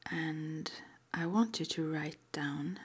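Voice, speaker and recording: In an improvised ASMR roleplay, a woman plays a guide at a witch school, whispering breathily in a halting, gently reassuring way. Her voice is low with a breathy edge.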